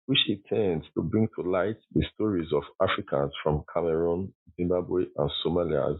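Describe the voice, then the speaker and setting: Young male podcast host, deep voice, formal read, muffled lo-fi sound. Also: breathy edge. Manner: formal, reads a prepared introduction. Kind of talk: scripted introduction and interview questions.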